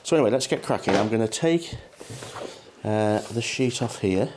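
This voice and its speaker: Low-voiced man teaching watercolour. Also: expressive, normal speed, noisy background. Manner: loose and chatty, with frequent ums and asides. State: a bit shaky from coffee. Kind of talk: relaxed painting demonstration.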